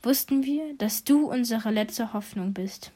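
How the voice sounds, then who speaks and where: A woman's voice: fairly high pitch, unhurried, dark tone. A woman voicing three hopeful foxes in a storybook who speak together, earnest and pleading.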